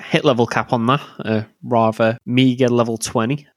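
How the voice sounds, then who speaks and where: Easygoing podcast co-host. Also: male voice, medium pitch, steady tone, normal speed, no echo. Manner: easygoing, asks questions, dry remarks. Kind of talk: casual gaming podcast chat.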